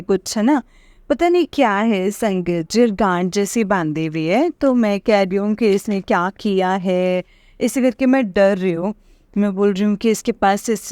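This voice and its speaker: A woman tells a personal dream story at length. She wanders and restarts often, filling the pauses with small hesitations. Her voice sits at an ordinary middle pitch, and the recording is dry and close. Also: a little mellow, clear, resonant tone, no echo. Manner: rambling, hesitant, many fillers and restarts. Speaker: devotee sharing a dream experience. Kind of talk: casual spoken testimony.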